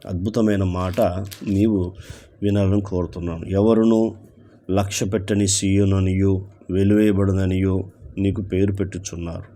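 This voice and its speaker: Deep, dark-voiced Telugu pastor preaching. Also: male voice, a little hiss or hum. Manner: slow emphatic reading with repeated phrases. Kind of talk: sermon reading and expounding scripture.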